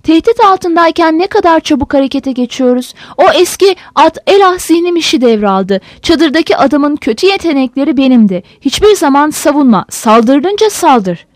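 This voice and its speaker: A woman reading a novel aloud as a narrator with expressive storytelling. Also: high voice, normal speed, hardly any pauses, no room sound. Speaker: audiobook narrator. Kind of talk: scripted narration.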